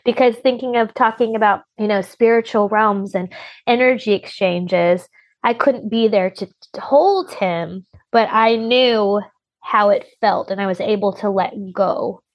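A woman's voice: medium pitch, unhurried, no echo, dull audio. A woman guest on a podcast, telling a personal story in a rambling, chatty way with many restarts.

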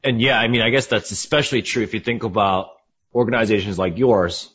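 An upbeat podcast host reads a scripted intro for his business show, then moves on to interview questions, repeatedly saying "awesome." His voice is on the low side, a little fast and slightly bright, with a breathy edge. The audio is dull and lo-fi.

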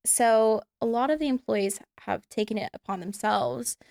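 A young woman chatting candidly as a podcast guest, laughing often and filling pauses with ums. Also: fairly high pitch, creaky, a little mellow, dry recording, clean studio sound. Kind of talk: casual chat.

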